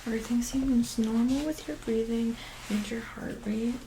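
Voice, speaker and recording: A woman doing a soft, breathy ASMR role-play of a medical exam, with a gentle, calm, reassuring nurse-like manner. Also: a little high, normal speed, background noise. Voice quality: soft, breathy, often soft-spoken. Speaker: ASMR performer playing a medical examiner.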